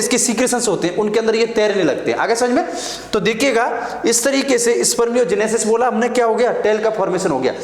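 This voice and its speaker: High-voiced man teaching in an echoey classroom. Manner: repeats questions and answers to drill terms. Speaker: nursing exam teacher. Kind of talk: classroom lecture at a board.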